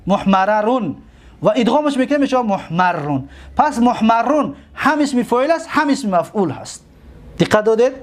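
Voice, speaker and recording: A man with a Tajik accent teaching a class, repeating terms and quizzing students with quick questions. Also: very high voice, sing-song. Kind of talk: classroom lecture.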